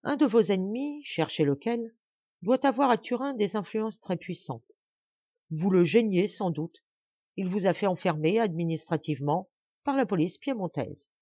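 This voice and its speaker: A woman's voice: medium pitch, expressive, normal speed, mellow, breathy edge, dry recording, lo-fi sound. A woman reading an audiobook, voicing a grave priest who speaks with firm, earnest authority. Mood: frank. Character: priest, grave and commanding older man.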